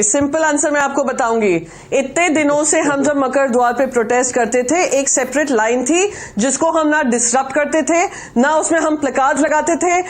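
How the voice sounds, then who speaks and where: A woman with a high voice presses her point as a panelist on a televised political debate. She is insistent, cuts in with strings of quick denials and slips English words into her talk. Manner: insistent, rapid repeated denials, mixes in English. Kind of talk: heated TV debate argument.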